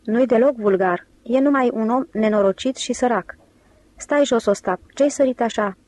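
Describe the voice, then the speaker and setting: A woman's voice: fairly high pitch, darkish tone, lightly acted. A woman voicing a sweet, teasing young woman in an audiobook, lifting her voice for the part. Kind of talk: audiobook character reading.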